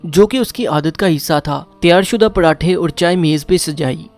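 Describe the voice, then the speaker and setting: A man narrating a moral story in a measured storytelling voice. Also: a little high, a little mellow. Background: faint music.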